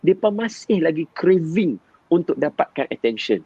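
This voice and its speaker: A man, telling a story in an animated way and often turning to address his listener directly. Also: on the high side, normal speed, slightly rough, no echo, muffled recording. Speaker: guest father sharing parenting experience. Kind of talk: storytelling in conversation.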